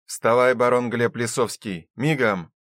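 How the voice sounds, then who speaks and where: A male narrator doing a household AI woman with a booming metallic voice. She barks her command at full volume, and the sound stays dry and close, as if right at the ear. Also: unhurried, no echo, natural voice. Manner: booming, commanding wake-up shout. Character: loud metallic female household AI voice. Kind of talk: audiobook fiction narration.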